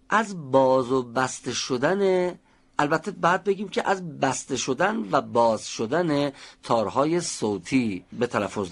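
A man teaching a televised pronunciation lesson, patiently explaining step by step and slowly demonstrating each sound. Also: medium pitch.

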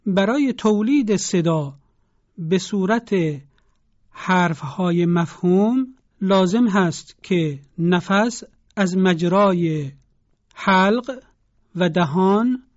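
A Quran pronunciation teacher giving a broadcast lesson, spelling out sounds slowly and deliberately for listeners to repeat. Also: mid-range voice, no room sound, muffled recording.

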